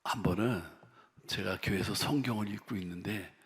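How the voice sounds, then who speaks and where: A man preaching a revival sermon as pastor at a prayer retreat. He tells stories with drama, swings from shouts to hushed whispers, and calls out questions for the congregation to answer. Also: on the low side, normal speed. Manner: call-and-response with the congregation. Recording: long hall reverb.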